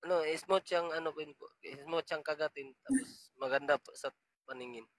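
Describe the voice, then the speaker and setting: A man's voice: on the high side, moderate pace, dry recording, low-quality recording. A man from Mindanao with a Visayan accent, talking politely and hesitantly as a caller on a matchmaking show. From Mindanao, Philippines. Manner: polite and hesitant, full of fillers. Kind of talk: casual chat.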